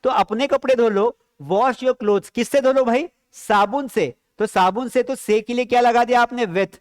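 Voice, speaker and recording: A man teaching spoken English in a live-streamed lesson. He drills sentences, keeps asking the students questions, and slows down to spell out the English phrases. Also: very high-pitched, clear, resonant tone, dry recording, clean studio sound.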